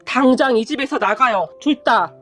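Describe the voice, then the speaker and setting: A woman's voice: high-pitched, animated, fairly quick. A woman voicing a protective young husband who speaks in clipped, firm commands in a story reading. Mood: commanding.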